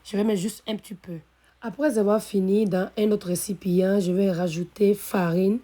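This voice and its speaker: Calm, mellow-voiced woman narrating a recipe. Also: medium pitch, normal speed. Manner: calm, methodical, repeats set phrases. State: slightly hoarse from illness. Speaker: cooking channel host.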